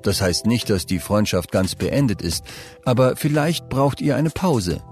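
A man narrating scripted advice for young people, speaking calmly and addressing the listener directly. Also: fairly low pitch, a little slow, soft background music. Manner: calm, direct second-person advice.

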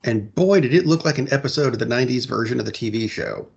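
A middle-aged man co-hosting a casual podcast, rambling and correcting himself, clearing his throat often. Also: mid-range voice, lively intonation, quick pace, darkish tone, lo-fi sound. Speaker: podcast co-host. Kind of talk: casual chat about comic book films and shows.

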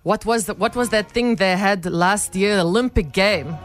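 Over a music bed, a woman acts out a cheeky Russian correspondent with a heavy accent. She speaks broken English in a coy deadpan, proudly patriotic and faintly menacing, as in a comic radio interview. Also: mid-range voice, moderate pace, natural voice. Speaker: comic World Cup correspondent. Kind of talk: comedic radio interview in character.

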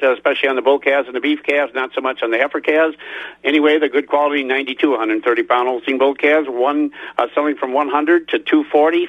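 A man on farm radio, relaxed and folksy with many fillers, chatting and then summarizing the week's cattle markets. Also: medium pitch, no room sound, dull audio. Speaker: livestock market reporter. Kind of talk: radio chat and market report.

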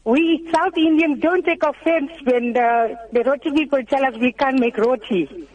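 A woman's voice: high voice, moderate pace, a little mellow. A woman from South Africa phoning in to a radio show, chatty and proud. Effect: over the phone. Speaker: radio caller. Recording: muffled phone line.

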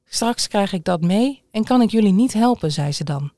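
A woman reads a news feature aloud in a steady, measured way. Her voice sits in a middle register and is recorded close-up in a dry booth with no room sound. The delivery is even and scripted. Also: mid-range voice, dry recording. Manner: calm, measured reading. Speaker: newsreader.

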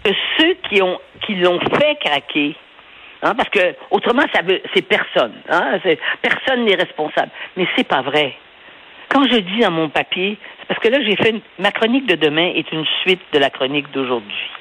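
An older woman with a Québécois accent, a newspaper columnist talking in a radio interview, animated and rambling, laughing often and stumbling over her words. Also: lowish voice, moderate pace, a little hiss or hum, rough recording. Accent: Québécois French.

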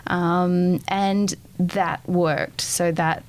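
A woman, hosting a podcast in casual, chatty conversation with quick asides. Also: fairly low pitch, level tone. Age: 30s. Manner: chatty, quick asides, frequent agreeing fillers. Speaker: podcast host. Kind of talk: casual chat.

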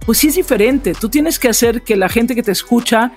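Female interviewer, relaxed and conversational, soft music bed. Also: on the high side, a little fast. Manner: friendly and conversational.

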